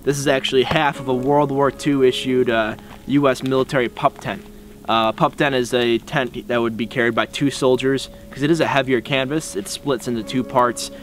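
A bushcraft channel host in his twenties explains things casually in snowy woods, often saying um. He speaks at normal speed with a medium-pitched, steady tone, and there's a little hiss or hum.

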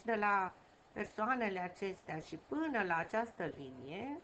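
A woman teaches young children, patiently repeating key words with small fillers. Her voice sits at an ordinary pitch. It comes through a dull, slightly muffled recording with a faint hiss behind it. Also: a bit bright. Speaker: primary school teacher. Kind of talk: online lesson for young children.

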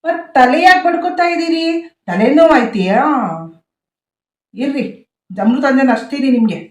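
A woman's voice: high voice, normal speed, a little mellow, close to an everyday voice. A woman playing a cheerful deaf daughter-in-law. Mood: eager. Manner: eager, polite questions. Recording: echoey room, voice from a distance.

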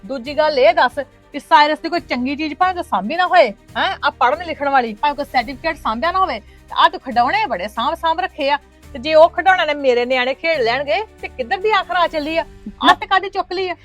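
A woman's voice: high-pitched, lively intonation, quick pace, fairly bright tone, soft background music. A woman with a Punjabi accent, acting an indignant mother arguing for her children in a scripted family drama. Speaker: married daughter of the house in a family skit.

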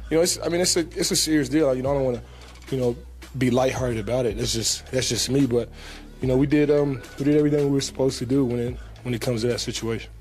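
At an indoor team press room, a young pro football player answers reporters in a relaxed, casual way, full of fillers and repeated words. He has a medium-pitched voice and talks fast into a table mic in front of him.

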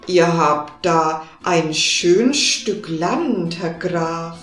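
Woman doing a slow, stately king. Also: on the low side, expressive, voice pushed down. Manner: slow and dignified. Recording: roomy with faint music behind.

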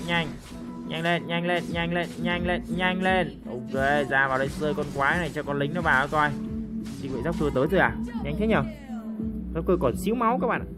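A man giving excited live commentary over a mobile game he is playing, full of repeated cries and joking boasts to viewers. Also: fairly high pitch. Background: game music.

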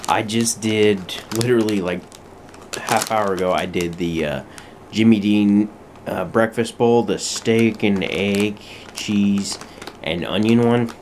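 Deep-voiced young man, casual food review. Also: takes it slowly, a little mellow. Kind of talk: casual video review, chatting to viewers. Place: small home room indoors. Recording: noisy room, bag crinkling.

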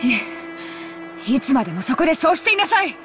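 Volatile mother, high, quick, sharp. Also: big pitch swings, loud music behind the voice. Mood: scornful. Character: harsh, volatile adult mother.

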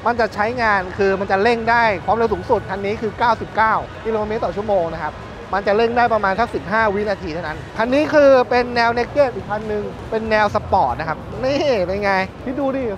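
A man in his thirties presenting bikes at a busy indoor motor show in a lively, chatty way, speaking into a lapel mic. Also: sits high, fast. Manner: lively, chatty, points things out. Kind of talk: casual walkaround presentation. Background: music.

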